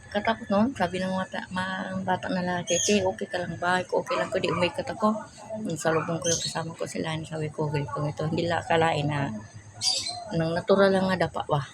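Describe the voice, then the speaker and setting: A woman's voice: on the low side, very noisy. An older woman, chatting casually and telling a rambling personal story while she searches for words. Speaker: vlogger. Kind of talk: casual chat.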